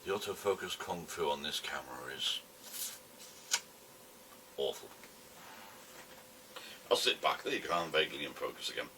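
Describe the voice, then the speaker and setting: A British man with a smoker's rasp, rambling casually to camera in a wry, self-deprecating way. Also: very deep voice, animated, moderate pace, long pauses. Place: a room at home, alone. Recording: distant camera mic with faint noise.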